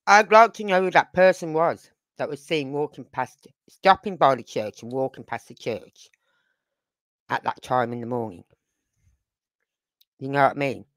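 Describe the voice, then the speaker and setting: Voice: medium pitch, moderate pace, long pauses, a bit bright, dry recording. Chatty true crime host, dry close sound. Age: 50s. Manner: chatty, asks rhetorical questions. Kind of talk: casual commentary.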